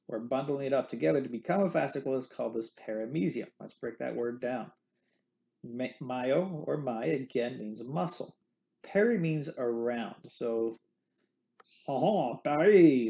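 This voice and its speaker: Full of candy analogies, a man talks through anatomy lecture slides in a playful, jokey way, his medium-pitched voice gravelly and mellow. The sound is a bit dull and lo-fi, like a computer mic, from a screen recording with webcam.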